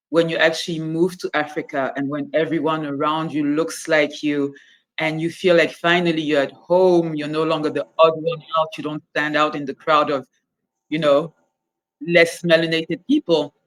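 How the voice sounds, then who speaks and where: A Cameroonian woman in her forties who founded a fashion brand reflects on her life in an interview. Her voice sits low with a flat delivery at a moderate pace, and the audio quality is poor.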